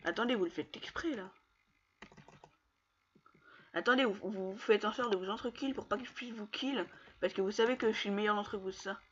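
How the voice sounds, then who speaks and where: A man commenting casually on his own online matches, taunting opponents and breaking into excited yells. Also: sits high, fairly quick, pauses often, muffled recording. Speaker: gamer streaming gameplay.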